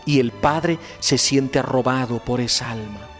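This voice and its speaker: A man's voice: mid-range voice, unhurried, fairly bright tone. A man preaching a fervent retreat sermon with rising, emphatic exclamations. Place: retreat hall. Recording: echoey hall with faint music.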